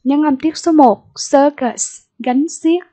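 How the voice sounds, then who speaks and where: A woman's voice: high-pitched, slow, a little mellow. A Vietnamese-accented woman teacher in a recorded English vocabulary lesson, repeating each word and giving its meaning and stress.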